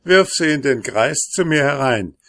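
A man's voice: medium pitch, lively intonation, measured pace, sharp tone, pitched above the performer's own voice. A man voicing a bold, cheeky young hussar soldier in a storybook reading.

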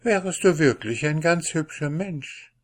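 Man putting on a high, playful young princess. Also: lively intonation, measured pace. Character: cheerful carefree young princess.

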